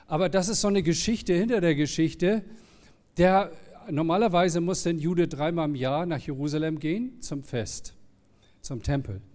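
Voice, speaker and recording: A man's voice: fairly high pitch, normal speed, a little mellow. A man preaching a conversational sermon, explaining plainly with everyday stories. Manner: casual, anecdotal, explains plainly with everyday examples.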